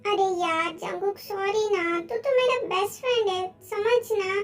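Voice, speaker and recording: A woman doing a grumpy young boyfriend, high-voiced. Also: fairly even intonation, unhurried, faint music behind. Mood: bantering. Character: young man, grumpy then tender boyfriend. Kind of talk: Hindi fan-dub story voicing.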